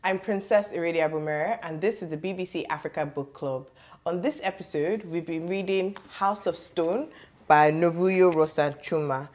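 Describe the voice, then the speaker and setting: A woman hosting a book club show, speaking in a measured way and guiding the conversation with questions. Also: lowish voice, a little mellow.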